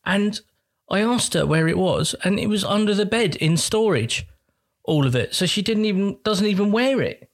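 English man, slightly high voice, casual podcast chat, blunt, sweary, joking. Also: expressive, normal speed. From England. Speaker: podcast co-host.

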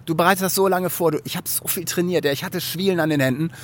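A middle-aged man from Germany, a guest telling a story in a casual podcast chat. He is animated, laughs often and acts out what people said. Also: on the high side, fast, crowd noise.

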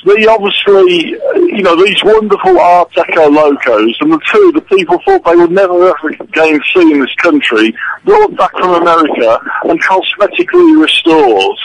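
An older man from England speaking as a guest author over a telephone line from an outdoor event. He talks with enthusiasm and fills his pauses with frequent ums. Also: high-pitched, wildly swooping pitch, slight background noise. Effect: heard over a telephone line. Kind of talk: casual phone interview. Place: outdoors at a rail yard event.

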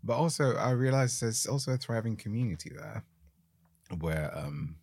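A man talking openly as a guest in a relaxed conversation. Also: lowish voice, normal speed, creaky, dry recording, studio quality. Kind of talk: casual conversation.

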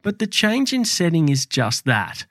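A man's voice: on the high side, sing-song, a little slow, fairly bright tone, no echo, clean studio sound. A man hosting and narrating a true crime podcast from a script.

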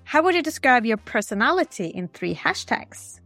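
Fairly high-voiced woman podcast host. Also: big pitch swings, moderate pace, fairly bright tone, no room sound, soft background music. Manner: formal, reads prepared questions. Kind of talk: scripted podcast hosting.

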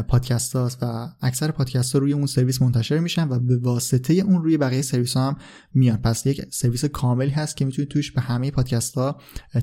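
Man casually explaining, mellow voice. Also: mid-range voice. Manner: unscripted, frequent "uh" fillers and self-corrections. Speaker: podcast host.

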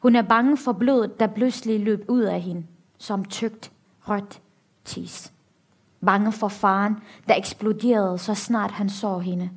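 A woman author reading a passage from her book aloud in a steady, grave manner. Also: medium pitch, slightly rough.

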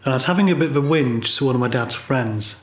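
A polar photographer in his 50s, a podcast guest, talks fast in a mid-range voice, candid and earnest with a wry edge, in a reflective conversational chat. The recording has a roomy echo.

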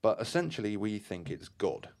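A man voicing an excited male paranormal investigator who talks in a raised, emphatic, eager way. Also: lowish voice, normal speed, voice pushed up. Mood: insistent.

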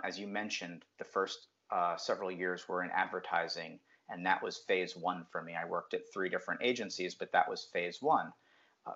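Sitting low in pitch yet fairly bright, this New Jersey man in middle age chats as a guest about his work in brand strategy. He's reflective and says um often, and the recording is dull and lo-fi.

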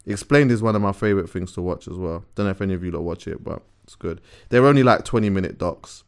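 Lowish-voiced casual man. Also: fast talker, clear, resonant tone. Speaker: podcast co-host. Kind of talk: casual rambling chat.

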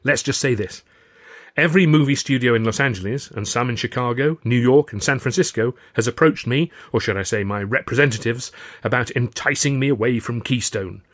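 A male narrator voices a vain film comedian bragging about his success, boastful and theatrical with heavy emphasis on his words. The character is pitched a little above the storyteller, delivered a little fast and close to an everyday voice, in a close, dry audiobook recording with no echo.

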